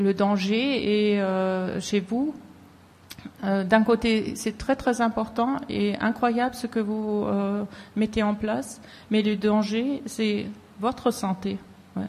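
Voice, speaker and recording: A woman speaking off the cuff at a public discussion, very haltingly, with long hesitations and broken phrases. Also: mid-range voice, darkish tone. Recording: echoey hall with long reverb.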